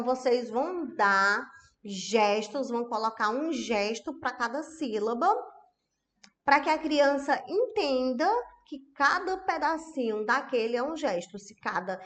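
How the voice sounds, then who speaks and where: A woman's voice: sits high, fairly bright tone. Chatty woman teaching. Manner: chatty, tag questions to the audience. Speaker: educational psychologist. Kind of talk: online masterclass.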